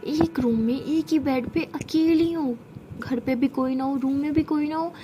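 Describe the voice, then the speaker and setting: A woman's voice: high voice, a little slow, noisy background. A woman voicing a confident young woman who playfully mocks and teases her partner. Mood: teasing. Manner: playful, mocking, teasing.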